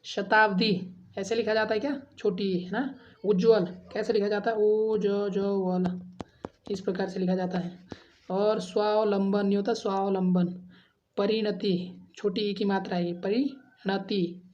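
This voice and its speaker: A woman's voice: mid-range voice, flat delivery, measured pace, darkish tone. A woman teacher going through exam grammar questions, reading options aloud and asking her students for the answer before giving it, in dull lo-fi audio. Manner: addresses students as friends, asks and answers quiz questions; drills answers, repeating option letters. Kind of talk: Hindi grammar exam lesson.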